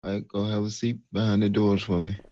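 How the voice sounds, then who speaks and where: A man with a fairly low pitch talks fast and flatly while playing a police recruiter in a roleplay game. He repeats short, curt commands, and his voice chat sounds muffled with a little noise underneath.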